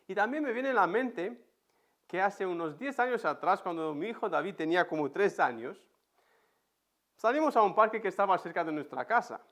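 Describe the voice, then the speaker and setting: A man's voice: high-pitched, animated, moderate pace, fairly bright tone. A man with an accent from Spain, preaching a sermon in an empty church and telling a personal story vividly. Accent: Spain Spanish. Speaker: pastor.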